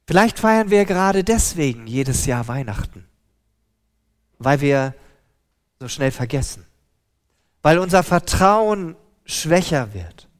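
Slow, deliberate preacher man. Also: a little high. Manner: slow and deliberate, with emphatic pauses. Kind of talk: sermon.

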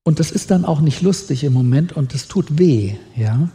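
A man's voice: fairly high pitch, lively intonation, normal speed, warm tone. A middle-aged man preaching a sermon, reading scripture with rising feeling and asking the congregation questions. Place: church hall with long reverb. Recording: long hall reverb.

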